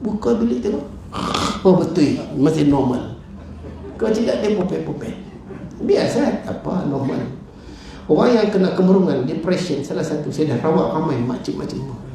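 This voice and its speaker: A middle-aged man with a Malaysian Malay accent, preaching in a lively mosque talk that jumps up and down in pitch as he acts out his stories. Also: normal speed, creaky. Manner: animated storytelling, acts out his wife and callers. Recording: echoey hall with faint noise.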